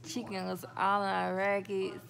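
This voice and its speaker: A woman's voice: mid-range voice, monotone, moderate pace, a bit bright. A young woman vlogging casually in a car, talking with braces on and chatting to her viewers as y'all, a little slurred by the braces. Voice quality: talks a little funny with braces. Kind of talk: casual vlog update. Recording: phone recording with clear car noise. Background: car and road noise.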